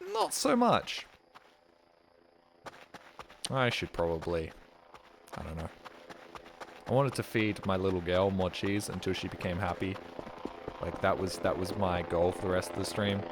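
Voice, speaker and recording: A man's voice: low-pitched, fairly even intonation, moderate pace, pauses often. A young man streaming a game, joking, swearing and chatting with his viewers. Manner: joking, sardonic, swears a lot, chats to viewers. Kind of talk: casual live-stream commentary. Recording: noisy stream recording.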